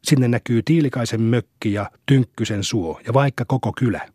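A man's voice: medium pitch, dark tone, husky, dry recording, studio quality, lightly acted. A man voicing a boastful, argumentative little village boy in an audiobook. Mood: arguing. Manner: bragging, argumentative.

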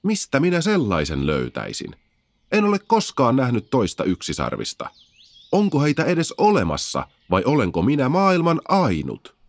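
A man's voice: medium pitch, wildly swooping pitch, dry recording, voice pushed up. A man voicing a young unicorn fawn, sad and lonely, with a plaintive, wondering manner. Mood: anxious, wondering.

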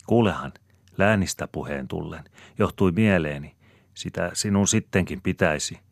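A man's voice: deep voice, gravelly, dry recording, studio quality, pitched above the performer's own voice. A man voicing a scheming middle-aged country wife who talks in an insistent, wheedling way.

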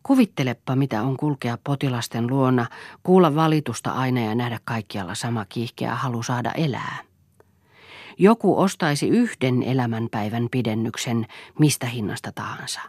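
A woman reading the part of a male doctor in an audiobook, speaking in a measured, gently ironic way. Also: rumbling low, breathy edge, no echo, clean studio sound. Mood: earnest. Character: man, a doctor, gently wry and earnest. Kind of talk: audiobook character voice.

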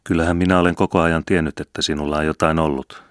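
A man voicing a calm, forgiving farmer who speaks quietly in an audiobook reading. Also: a bass voice, no room sound, clean studio sound. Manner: quiet, conciliatory.

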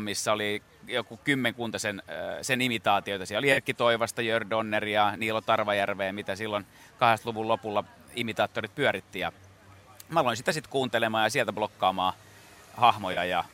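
A man's voice: on the low side, pushed and bright. A man, a guest impressionist, telling stories in a rambling way, with many fillers and restarts, in a radio studio. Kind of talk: casual interview talk.

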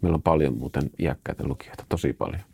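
A comic strip artist answering an interviewer's questions, a man with a very low, gravelly voice. He muses and restarts as he talks. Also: warm tone, slight background noise. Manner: hesitant, restarting and musing.

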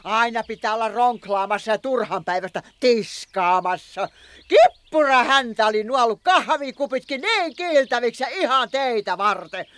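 A woman's voice: fairly high pitch, animated, fairly bright tone. A woman voicing a grumbling, complaining witch housekeeper in a children's radio play.

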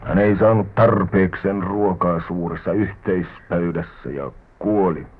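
An actor playing a penniless, worldly drifter in a vintage radio drama, talking wryly and theatrically with stray English words. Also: male voice, low-pitched, breathy edge. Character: poor wandering drifter man, wry and worldly. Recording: tinny old radio broadcast recording.

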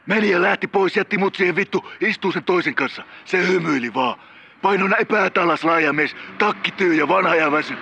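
A man voicing a volatile middle-aged drug-using killer who calls a radio show, rambling and cursing, bursting into shouts. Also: sits high, highs cut off, a little hiss or hum, pitched above the performer's own voice. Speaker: caller.

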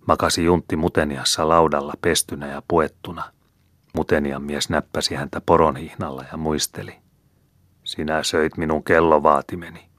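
A man reading folk tales aloud as an audiobook narrator, in a measured storytelling manner. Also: rumbling low, fairly bright tone, no room sound, clean studio sound. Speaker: audiobook reader.

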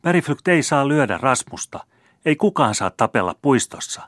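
A man voicing a wild, merry eight-year-old girl who shouts defiantly in an old storybook reading. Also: expressive, no echo, clean studio sound. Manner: shrill and defiant.

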